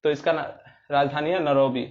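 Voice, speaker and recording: A man's voice: on the high side, fairly even intonation, normal speed, lo-fi sound. A young man teaching exam memory tricks, telling playful little stories and acting out scenes in rustic dialect. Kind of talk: explaining memory tricks for exams.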